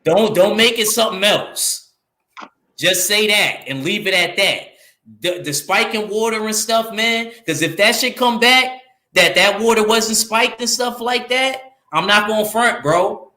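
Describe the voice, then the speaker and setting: A man's voice: high-pitched, a little slow. Emphatic New York man in an echoey room. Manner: animated, emphatic, repeats himself. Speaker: podcast co-host. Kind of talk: casual boxing talk.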